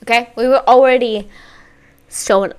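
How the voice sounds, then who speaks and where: A woman giving a casual, campy, sassy music video reaction, gushing and swinging between loud exclamations and hushed asides. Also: on the high side, fairly even intonation, moderate pace, clean tone. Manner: swings from sudden loud outbursts to near-whispered asides.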